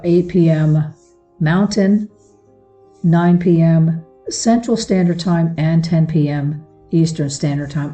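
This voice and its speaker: In a low, mellow voice, a woman who hosts a religious teaching show speaks earnestly and affectionately to her followers in an informal devotional talk. She is far from the mic, and the room echoes.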